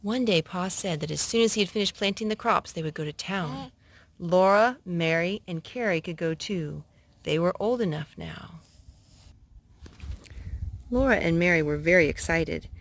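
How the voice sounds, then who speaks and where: Reading stories aloud to children, a woman speaks at a normal speed in a lowish voice. Every so often she catches a slip and corrects it mid-reading.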